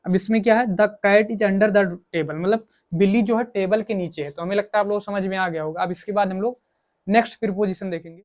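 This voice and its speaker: In a coaching lesson, a man with a high voice teaches English grammar, explaining in Hindi with English examples. He speaks a little fast with fairly even intonation, repeating himself and answering his own questions.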